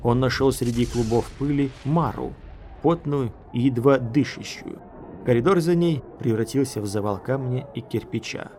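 A man narrating an audiobook in a measured storytelling manner. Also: mid-range voice, warm tone, slight background noise.

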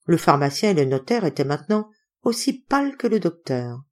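A woman reading a novel aloud as an audiobook, in an expressive, lively way, raising her voice for the townsfolk's cries. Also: low-pitched, fairly quick. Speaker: audiobook reader.

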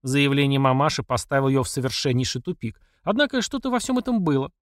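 A man reading an audiobook in a lively, expressive storytelling manner. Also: mid-range voice, quick pace, dry recording, studio quality. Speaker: audiobook narrator. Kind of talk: scripted narration.

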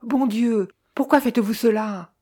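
Cultured male adventurer, self-assured, read by a woman. Warm, mellow storybook voice. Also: fairly high pitch, a little slow, breathy edge, pitched above the performer's own voice. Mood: dazed. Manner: assured, exclamatory.

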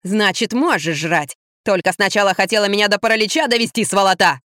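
A woman reading an audiobook, voicing a harsh, bullying middle-aged mother who yells and scolds without pause. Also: medium pitch, no echo, studio quality, natural voice. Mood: raging. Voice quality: harsh, sharp voice. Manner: yelling and scolding.

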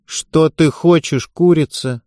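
A man's voice: a little high, slow, a little mellow, no echo, clean studio sound, pitched above the performer's own voice. A man reading the part of a spiteful older teenage girl gymnast who taunts a younger girl. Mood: mocking.

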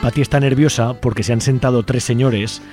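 In a radio studio, a man hosts an informal community radio show, speaking colloquially and directly to listeners and guests. His medium-pitched voice is steady in tone and a little fast. He is recorded on a studio microphone, with music playing behind him.

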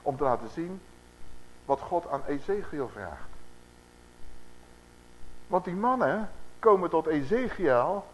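A man preaching a sermon, slowing down and swelling on scripture quotes and putting questions to the congregation. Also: on the high side, low-quality recording.

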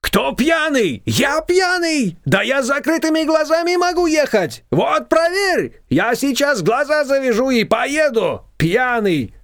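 A man's voice: very high-pitched, big pitch swings, measured pace, hardly any pauses, fairly bright tone, no room sound, clean studio sound, pitched above the performer's own voice, heavily acted. A man voicing a talkative, boastful old taxi driver who rambles indignantly. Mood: chatty.

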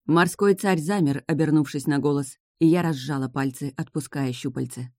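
A woman's voice: sits low, dark tone, no echo. A woman reading a first-person fantasy story aloud as an audiobook narrator, close to the mic.

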